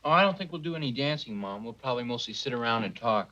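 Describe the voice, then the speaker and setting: A man's voice: medium pitch, expressive, fast talker, bright, forceful tone. An actor playing an earnest, polite young college man in a 1950s sitcom, easily flustered by his family. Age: young adult. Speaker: son. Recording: dull lo-fi 1950s TV soundtrack.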